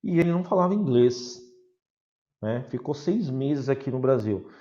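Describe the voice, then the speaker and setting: Male teacher from Brazil, lively and talkative with the class, mid-pitched voice, slightly dull lo-fi recording. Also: moderate pace. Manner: lively, chatty, addresses students as "galera".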